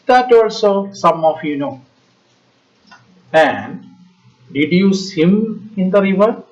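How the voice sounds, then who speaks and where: A male schoolteacher with a Malayalam Indian English accent teaches schoolchildren in a didactic way, speaking in short, halting phrases and often posing questions. His voice sits high and is expressive. The audio is slightly dull and lo-fi.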